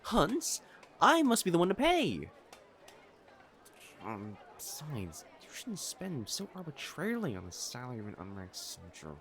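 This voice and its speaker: A male actor voices a haughty, lovestruck young divine matchmaker in imperial China for a period romance audio drama, using a high-pitched, highly animated, pompous full character voice. He speaks a little slowly with formal diction, sounding disdainful and fussy, and stammers when flustered. It's a theatrical monologue in a romantic audio roleplay, with slight background noise.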